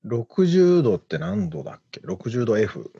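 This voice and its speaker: A man co-hosts a podcast with loose, slangy, joking banter. His husky voice swings widely in pitch, and the recording sounds dull and lo-fi. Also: very animated, unhurried, dark tone. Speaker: podcast co-host. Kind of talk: casual podcast chat.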